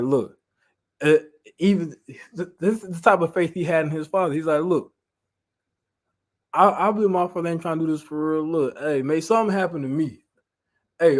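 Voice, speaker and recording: A preacher with an American accent and a fairly high-pitched voice gives an informal Bible lesson. He mixes reading aloud with slangy, conversational retelling and repeats phrases for emphasis.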